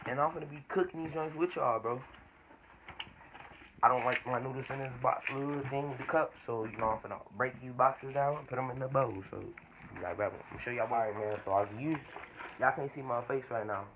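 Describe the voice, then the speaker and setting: Narrating a home cooking vlog, a young American man speaks fairly quickly at a medium pitch. His chat is loose and full of slang and repetition, captured in a noisy kitchen recording with clicks.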